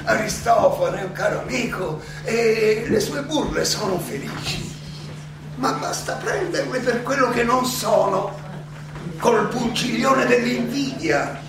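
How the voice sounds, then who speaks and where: Over music, a gravelly, high-voiced old Athenian philosopher stands trial, giving a stage-style monologue with a conversational, oratorical feel. Amused and wry, he hesitates, repeats himself and chuckles with irony, and the recording is distant, very echoey and noticeably noisy.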